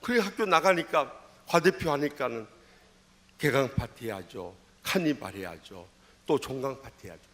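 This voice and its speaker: Lively older pastor with Jeolla accent. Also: male voice, moderate pace. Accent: Jeolla Korean. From Jeolla, Korea. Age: 60s. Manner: storytelling with dramatic swings in pitch and loudness. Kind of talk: sermon. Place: church sanctuary.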